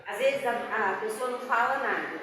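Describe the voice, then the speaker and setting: A woman's voice: normal speed, a crowd in the background. Woman w/ a chatting about her show, jumps into voices when she quotes people, sounds far off in a big echoey hall. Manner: animated, acts out quoted lines with big pitch jumps. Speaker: actress talking about her solo show. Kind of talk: casual storytelling chat.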